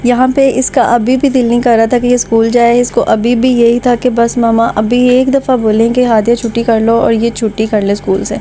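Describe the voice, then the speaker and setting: A woman with a Pakistani Urdu accent talks over her family vlog, rambling along with plenty of conversational fillers. Her voice sits a little high and sounds soft and mellow. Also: flat delivery, fairly quick, hardly any pauses, a little hiss or hum. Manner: chatty and warm-hearted, with frequent conversational fillers. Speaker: vlogger.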